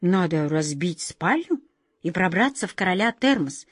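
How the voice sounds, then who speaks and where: A woman's voice: medium pitch, expressive, unhurried, no room sound, clean studio sound. A woman voicing an anxious, bewildered young girl in a storybook reading. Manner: worried, perplexed.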